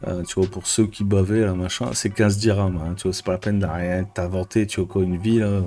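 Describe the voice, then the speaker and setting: A low-voiced YouTuber and business coach rants crudely to camera in a casual vlog. His tone is warm and level and he talks fairly quickly, sounding exasperated and peppering everything with fillers like "tu vois".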